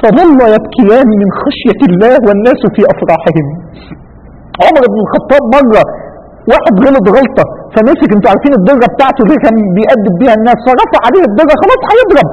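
A man with an Egyptian accent preaching a sermon, fervent and full of rhetorical questions, with a husky voice. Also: very high voice, very animated, very fast, darkish tone. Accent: Egyptian Arabic. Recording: dull radio broadcast with long hall reverb.

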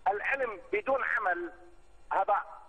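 A man from Iraq calling in over a phone line, speaking haltingly with many pauses. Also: high-pitched, expressive, slightly rough. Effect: heard over a phone line. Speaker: caller. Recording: dull, distant phone line.

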